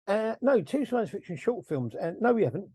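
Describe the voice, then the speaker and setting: A middle-aged man hosts a casual film review podcast, rambling and chuckling as he corrects himself. His voice sits a little high and sounds mellow. It is recorded close on a dry mic. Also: very animated, moderate pace, breathy edge, no echo. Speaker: podcast host.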